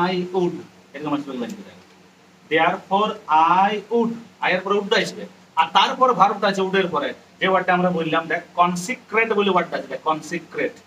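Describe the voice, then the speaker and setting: An English teacher with a high, bright, forceful voice lectures his class on a poem, repeating points and spelling words out letter by letter. A distant mic picks him up along with faint ambient noise.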